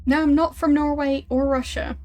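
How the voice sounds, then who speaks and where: A young woman with a high-pitched voice talks at normal speed while streaming a game, casually reading chat. She's relaxed, chuckling and teasing as viewers try to guess her accent.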